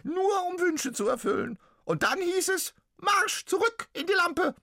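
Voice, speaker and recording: A squeaky cheeky ghost stuck in a tube, super high and shrill, storybook voice. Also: male voice, lively intonation, unhurried, pushed and bright, dry recording, studio quality, full character voice. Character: squeaky trapped male ghost, frantic and cheeky. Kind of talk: storybook reading.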